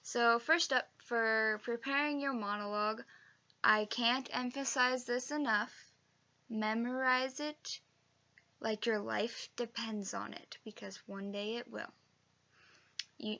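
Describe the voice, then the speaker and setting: A young woman giving a casual, chatty acting lesson, emphatic and quick to correct herself. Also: a little high, gravelly, bright, forceful tone, lo-fi sound. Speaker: acting teacher. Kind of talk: casual instructional video.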